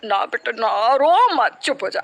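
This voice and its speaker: Lady playing a sweet motherly saas in a cartoon, soothing, bouncy high voice. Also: big pitch swings, a little slow, a bit bright, full character voice. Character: kind, gentle older mother-in-law. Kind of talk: cartoon voice acting.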